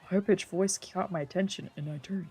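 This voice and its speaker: Fairly quick and breathy, with a darkish tone at medium pitch, the streamer performs a visual novel as let's-play narration. Characters get improvised voices, casual asides slip in, and game music hums faintly in the background.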